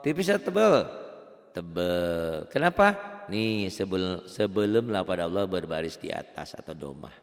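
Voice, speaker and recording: A man teaching beginners Quran recitation rules in a casual, chatty way, chanting slow drawn-out examples. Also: deep voice, very animated, big-room sound. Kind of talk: online tajwid lesson for beginners.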